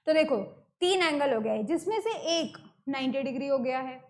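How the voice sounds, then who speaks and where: A woman's voice: sits high, expressive, moderate pace. An Indian woman teaching an online math lesson, explaining step by step and repeating key terms, mixing English words into her talk. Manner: mixes English terms into Hindi.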